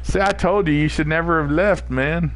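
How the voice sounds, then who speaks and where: Fairly high in pitch and moderate in pace, a New England man offers casual gameplay commentary while streaming a shooter. He wanders from thought to thought and reads his chat aloud.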